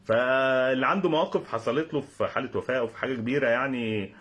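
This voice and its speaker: A man's voice: medium pitch, quick pace, fairly bright tone. A young Egyptian man telling a comic personal story, sarcastic and exasperated. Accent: Egyptian Arabic. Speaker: comedic storyteller.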